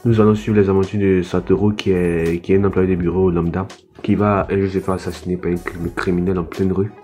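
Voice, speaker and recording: Hesitant young French man, low mellow voice. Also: little pitch movement, brisk, faint music behind. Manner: hesitant, many fillers and restarts. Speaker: anime YouTuber. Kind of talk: casual anime review.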